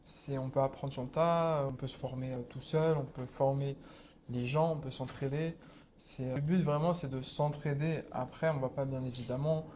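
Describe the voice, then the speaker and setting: A man's voice: mid-range voice, steady tone, normal speed, darkish tone, a little hiss or hum. A man who sells kitchens, explaining his work to young visitors in a plain, practical way with some hesitation, in a showroom. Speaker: kitchen salesperson. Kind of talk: casual answers to young visitors.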